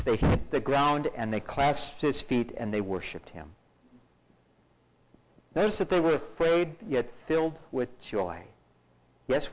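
Heard through a rough recording, this fairly high-pitched man delivers a sermon as a pastor. He brings scenes to life with shifting voices, animated delivery, and sudden dips to almost a whisper.

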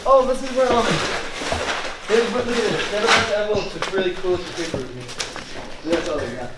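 A man's voice: high-pitched, fairly quick, distant mic. A young man chatting casually with friends while exploring, brash, slangy and prone to swearing. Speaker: urban explorer in a group. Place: large abandoned mill at night, indoors. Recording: very noisy handheld camera, echoey empty building.

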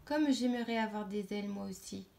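Une femme qui prête sa voix à une petite chenille affamée et rêveuse, au ton plein d'envie, dans un conte lu à voix haute. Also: female voice, fairly quick, vocal fry, darkish tone, reverberant, close to an everyday voice. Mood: wistful. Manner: wistful, rising to high exclamations. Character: small hungry dreamy caterpillar, wistful.

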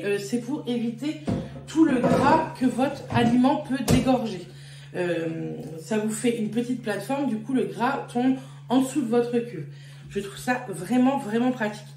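French-speaking woman showing off a kitchen gadget, slightly high voice, lots of euh, echoey room. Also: warm tone, a little hiss or hum. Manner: chatty, many fillers, self-correcting. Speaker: beauty and lifestyle vlogger. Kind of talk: casual product demonstration. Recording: echoey room with faint ambience.

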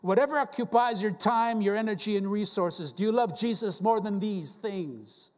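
A man's voice: sits high, normal speed, in a large hall. A man preaching a sermon as a guest preacher, earnest and full of rhetorical questions as he quotes scripture. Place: church sanctuary.

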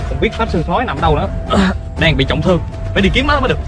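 A man's voice: high-pitched, very animated, racing. A man playing a bumbling young ghost detective who mutters worriedly to himself. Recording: loud music and crowd noise.

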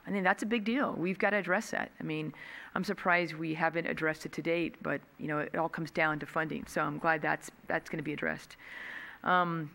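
A woman's voice: sits low, steady tone, a little fast, creaky, pushed and bright. A middle-aged woman speaking as a city council member at a meeting, talking conversationally with many ums into a desk mic in a council chamber. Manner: conversational, many ums, gestures with both hands. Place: council chamber, seated at dais. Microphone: desk gooseneck mic.

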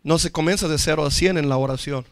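A male pastor preaching a sermon. He speaks with emphasis, swinging from loud to hushed and calling on the congregation to answer. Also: fairly high pitch, fast, dry recording.

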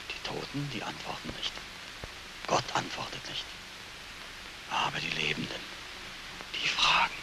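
An actor playing a haunted soldier back from war, tormented, swinging between strained cries and hushed whispers, in 1940s film acting. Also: male voice, medium pitch, close to an everyday voice. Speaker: war returnee Beckmann. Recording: hissy old 1949 film soundtrack.

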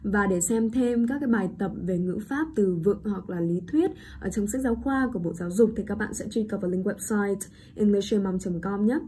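A woman with a Vietnamese accent, teaching an English pronunciation lesson online. She repeats each word slowly, then explains it with frequent rhetorical checks. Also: mid-range voice, dark tone, slight background noise.

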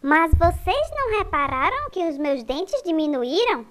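Woman as a touchy, high-pitched little cartoon girl. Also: very animated, measured pace, fairly bright tone, exaggerated voice. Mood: indignant. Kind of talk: comic-strip character voicing.

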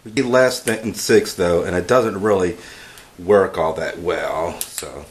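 Slow, low-voiced man in a woodshop. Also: slight background noise. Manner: relaxed, joking, explains step by step. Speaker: woodworking show host. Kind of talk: casual how-to demonstration. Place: indoor wood workshop.

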